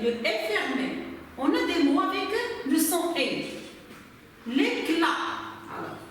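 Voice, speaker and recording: A woman teaching a primary school spelling lesson, speaking slowly and deliberately as she claps out syllables. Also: very high-pitched, fairly bright tone, slight background noise. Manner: slow, deliberate, clapping out syllables. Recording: very echoey room from far off.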